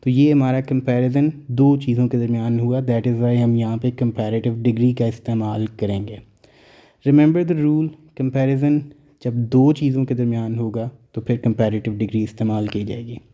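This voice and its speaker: A man teaching a grammar lesson, speaking slowly and explaining each rule, mixing English terms into Hindi-Urdu talk. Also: medium pitch, steady tone, warm tone.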